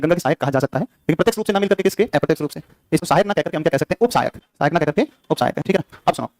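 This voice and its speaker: Fairly high in pitch with a darkish tone and no echo, a young man teaches geography for an exam despite a sore throat. His style is rapid and repetitive, quizzing students again and again to drill facts.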